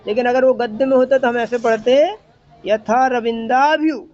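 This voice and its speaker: A woman teaching a chant line by line, slowly correcting each syllable's pronunciation. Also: a little high, steady tone, warm tone. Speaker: religious teacher. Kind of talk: line-by-line recitation lesson. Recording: dull lo-fi recording.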